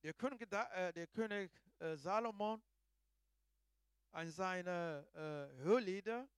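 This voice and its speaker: A man preaching a sermon in a halting way, swinging between hushed asides and loud exclamations. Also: high voice, smooth, no room sound, studio quality.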